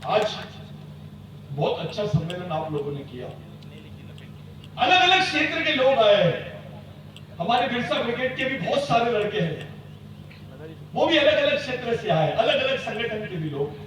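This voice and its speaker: An activist leader gives a booming, rousing political-style speech to a community convention, his delivery emphatic and exhortatory, full of repetitive phrasing and rhetorical questions. He speaks in a sing-song way at normal speed, pausing often. The distant recording echoes heavily and has loud noise.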